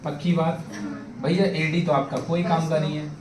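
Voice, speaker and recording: A man's voice: on the high side, little pitch movement, normal speed. A man teaching a math class, quizzing his students constantly and asking for yes or no answers. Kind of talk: classroom lesson. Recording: echoey classroom taken from far off. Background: students in the room.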